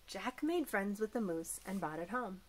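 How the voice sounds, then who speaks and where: A woman teacher reading a storybook aloud to young children, gentle and clear, with small asides about the pictures. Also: mid-range voice, expressive, normal speed, noisy background.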